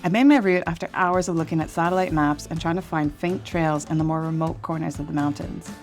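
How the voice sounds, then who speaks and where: Low-voiced woman narrating a travel film. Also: darkish tone, soft background music. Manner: measured, reflective storytelling. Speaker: vlog narrator. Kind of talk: scripted voice-over narration.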